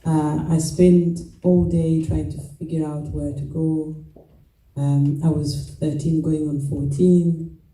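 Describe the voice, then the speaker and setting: A woman of about forty with a Rwandan accent gives a halting, reflective personal testimony, with many pauses and restarts. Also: deep voice, little pitch movement, warm tone. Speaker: genocide survivor giving a testimony. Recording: roomy echo, mic at a distance.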